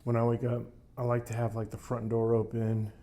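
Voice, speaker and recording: Guy vlogging in a cold plunge, low key dark mellow voice, just rambling casually. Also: completely flat delivery, a little fast. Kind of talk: casual vlog chat.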